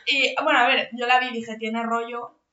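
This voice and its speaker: A woman's voice: fairly high pitch, fairly even intonation, normal speed, bright, forceful tone. A young woman, co-hosting a podcast, rambling and poking fun at herself. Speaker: podcast co-host. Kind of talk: casual chat among friends. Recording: echoey room, dull lo-fi sound, faint hiss.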